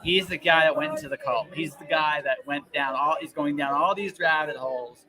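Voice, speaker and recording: A podcast host speaks emphatically in a casual interview chat, often repeating words and phrases for stress. His voice is fairly high and fairly quick, and the rough recording carries crowd noise.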